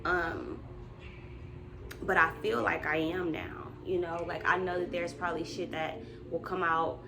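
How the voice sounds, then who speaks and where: A woman's voice: on the low side, animated, measured pace, gravelly, noisy background. A woman in her twenties talking casually and confessionally to her viewers, informal and slangy, hesitating as she looks for words. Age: 20s. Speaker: vlog host. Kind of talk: casual confessional chat to camera. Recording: loud music behind the voice.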